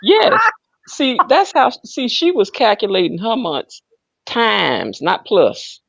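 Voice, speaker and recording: Her mid-range voice is husky with vocal fry, slow, and full of huge pitch swings as she playfully teases in sing-song fashion. She co-hosts a casual gossip show, captured in dull, lo-fi, dry sound without room echo.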